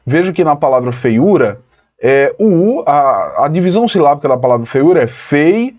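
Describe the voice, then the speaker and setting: Lively teacher man, dull lo-fi sound. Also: a little high, moderate pace. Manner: lively, explanatory, addresses students as "pessoal". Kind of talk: online exam-prep lesson.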